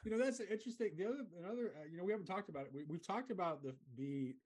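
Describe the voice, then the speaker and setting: A man's voice: sits high, rapid-fire, darkish tone, slightly rough. A man in a casual conversation, talking in a reflective way and eager to connect ideas.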